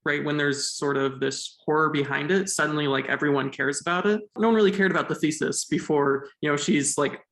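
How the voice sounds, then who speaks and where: A man's voice: a little high, fairly even intonation, brisk, few pauses, fairly bright tone. A man thoughtfully analyzing a film's themes in casual conversation, thinking aloud with fillers. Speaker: podcast co-host. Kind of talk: casual film discussion. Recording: echoey room.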